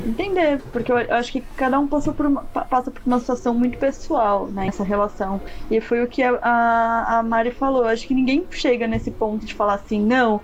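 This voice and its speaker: A woman's voice: on the high side, a little mellow, slight background noise. A woman with a Brazilian accent co-hosting a podcast chat, thoughtful and hesitant, with many restarts. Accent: Brazilian Portuguese. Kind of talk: casual chat.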